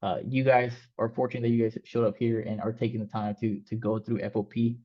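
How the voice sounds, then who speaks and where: Teaching coding online, this native Spanish speaker from Mexico has a lowish, level voice and a fairly quick pace. He's relaxed and casual, using many fillers and restarting often, on a slightly dull, lo-fi recording.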